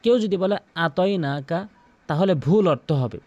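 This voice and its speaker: Man, high voice, dry close recording, patient pronunciation lesson, slow repeated drills. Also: darkish tone, no echo, dull audio. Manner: repeats sounds slowly for the listener to practise; stretches out chanted recitation in a drawn-out melodic voice. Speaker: Quran recitation teacher.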